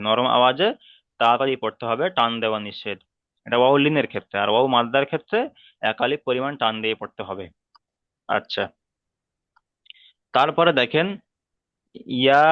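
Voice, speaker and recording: Male online tutor, smooth resonant voice, patient, repeats each rule, dull call audio. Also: mid-range voice, dry recording. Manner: patient, repeats rules slowly, drills letter by letter. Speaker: Quran reading teacher. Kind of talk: online class lesson. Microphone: video call.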